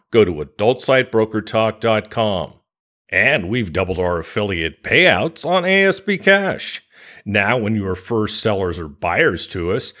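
A podcast host with a lowish, fairly bright voice reads scripted promos and introductions, then puts questions to his guest.

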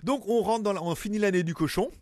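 This man has a high-pitched, darkish voice and talks fast, recorded with clean studio sound and no room echo. He's a tech news YouTuber hosting a casual show from his home in Thailand, chatting to camera in a rambling, self-mocking way full of fillers.

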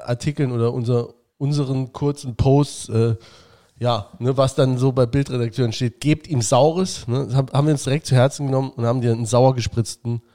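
A man's voice: mid-range voice, fairly even intonation, brisk, warm tone. A man hosting a casual fan podcast over a virtual call, chatting loosely with many fillers and restarts. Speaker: podcast host. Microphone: remote call setup.

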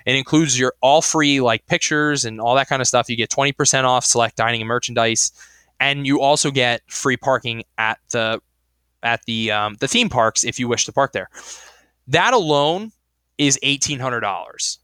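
A man's voice: medium pitch, normal speed, pushed and bright, smooth, no room sound. A young man co-hosting a podcast in casual chat, rambling with lots of fillers and restarts. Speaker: podcast co-host.

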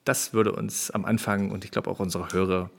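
A male interviewer with a low, gravelly voice slowly and hesitantly opens the conversation with a question. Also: flat delivery.

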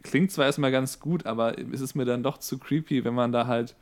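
A man co-hosting a casual podcast, a wedding photographer calmly explaining his view. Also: medium pitch, fairly quick.

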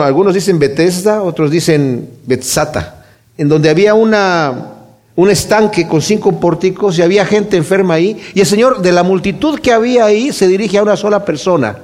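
A man's voice: sits high, darkish tone. A man preaching a sermon, explaining a Bible passage with rhetorical questions and shifting emphasis.

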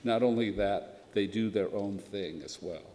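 A man giving a literary lecture on translating poetry, reading poems aloud in a measured way. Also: on the low side, dark tone, a little hiss or hum. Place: lecture hall. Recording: long hall reverb.

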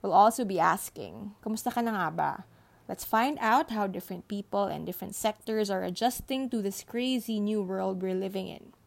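Woman, podcast host, muffled under a blanket, soft-spoken, mid-pitched. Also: moderate pace, gravelly. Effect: muffled, recorded under a blanket. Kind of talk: scripted podcast intro.

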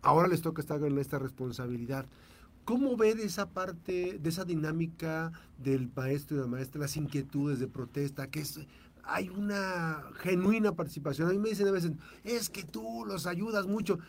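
A man with a Mexican Spanish accent interviews a guest, his voice a little higher than most men's. He winds through long questions with plenty of fillers and pushes the pitch up when he presses a point. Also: moderate pace, vocal fry. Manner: long rambling questions, rising emphasis.

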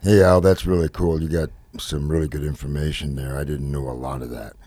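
A man's voice: rumbling low, steady tone, a little fast, mellow, dry recording. A man co-hosting a podcast in casual chat, making playful, jokey remarks. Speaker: podcast co-host.

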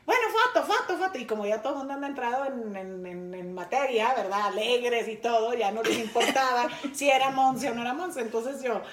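A Mexican woman chats as a guest, her voice sitting a little high. She spins anecdotes with energy and acts out what others said. The recording carries a clear echo from the room. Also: fairly quick, few pauses. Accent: Mexican Spanish. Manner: animated storyteller who acts out quoted voices high and laughs often. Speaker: guest, sister of the host. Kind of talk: casual chat, anecdote telling. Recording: roomy, echoey room.

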